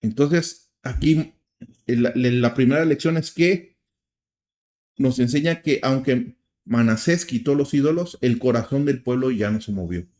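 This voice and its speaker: A middle-aged Mexican man hosting a program of earnest religious commentary, often restarting his sentences and filling pauses. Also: mid-range voice, a little mellow. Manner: earnest, with frequent restarts and fillers. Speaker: program host.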